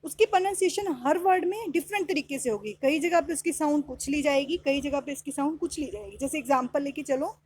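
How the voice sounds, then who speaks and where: A woman gives a classroom lesson in a high voice, explaining in Hindi. She reads English sentences slowly and spells words out letter by letter. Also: a little mellow, dry recording. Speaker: English teacher.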